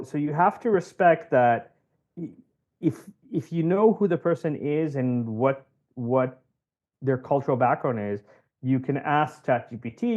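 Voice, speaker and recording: The audio is lo-fi, carrying a mid-range male voice with a darkish tone. He is a podcast guest and job interview coach who grew up in West Africa, specifically Cameroon and Ivory Coast, and he talks through his advice casually, leaning on examples and repetition for emphasis.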